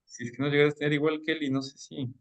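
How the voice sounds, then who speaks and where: A man's voice: a little high, level tone, fast talker. A man moderating an online reading club meeting. He talks in a friendly, chatty way, chuckles often and explains things at length.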